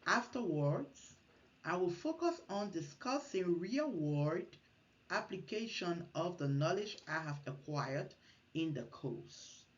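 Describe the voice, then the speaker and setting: A Liberian woman gives an earnest recorded class presentation as a student, partly reading it and making small restarts. Her voice sits on the low side, animated but slow, and the highs are cut off.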